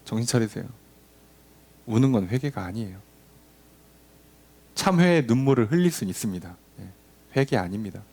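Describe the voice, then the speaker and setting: A male pastor delivering a sermon, urging and questioning the congregation, now and then dropping to a low aside or acting out a quoted line. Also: normal speed, long pauses. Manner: animated preaching, drops to a low murmur for emphasis, acts out quoted lines.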